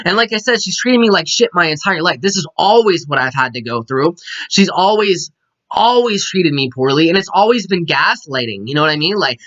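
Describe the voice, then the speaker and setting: A man's voice: high voice, expressive, brisk, a bit bright. A young man venting frustration in a casual to-camera story, often tagging sentences with "right?" and "like". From Pennsylvania. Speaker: vlogger. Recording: dull lo-fi sound.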